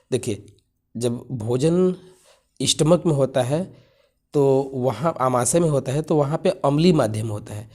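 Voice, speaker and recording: A male teacher working through an exam paper, asking himself questions and repeating the key terms slowly. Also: medium pitch, warm tone.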